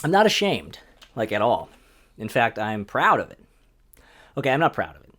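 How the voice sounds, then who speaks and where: A man's voice: medium pitch, huge pitch swings, normal speed. A young man hosting a solo comedy podcast, rambling and sardonic, swearing freely. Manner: sardonic, rambling, profane, jumps between loud mock voices and mumbles. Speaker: podcast host.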